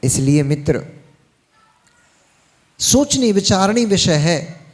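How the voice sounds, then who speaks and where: High-voiced man preaching. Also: very animated, slow. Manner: folksy, addresses the audience directly with teasing asides. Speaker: Jain monk preacher. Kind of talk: sermon.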